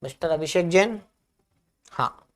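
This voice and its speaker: A male teacher leads a live online grammar lesson. He breaks off to reassure students who write in the chat. He then dictates definitions slowly and repeats them phrase by phrase. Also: a little high. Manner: answers chat comments, reassuring.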